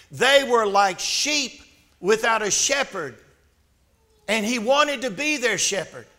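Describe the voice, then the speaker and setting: A man preaching a sermon, earnest and measured, posing rhetorical questions to the congregation. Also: very high-pitched, sharp tone.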